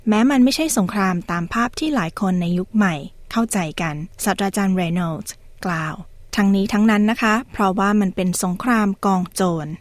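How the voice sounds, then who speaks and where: A woman's voice: mid-range voice, brisk, few pauses, no room sound. A woman narrating a scripted news feature as a radio presenter, formal and carefully enunciated.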